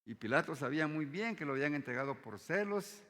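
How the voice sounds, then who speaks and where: A man preaching a sermon in a church, his voice carried by a long hall reverb. He keeps addressing the congregation as brothers, rising on key words and sinking low at the ends of phrases. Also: animated, fast talker, fairly bright tone. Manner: repeats "hermanos" often, dropping his voice low at phrase ends.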